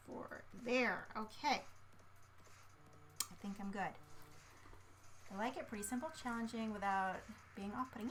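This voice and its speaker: On a laid-back board game stream, a female co-host thinks out loud, muttering playfully and tossing in small vocal sound effects as she plays. Her pitch sits fairly high, and there's a slight hiss or hum in the audio.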